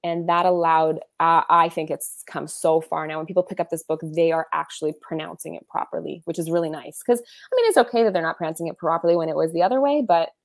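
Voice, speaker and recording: A woman's voice: low-pitched, fairly even intonation, fast, creaky, no echo. A woman in her thirties, an author being interviewed over a video call, talking casually with lots of fillers and restarts. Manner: chatty, many fillers and restarts. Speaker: author and illustrator guest.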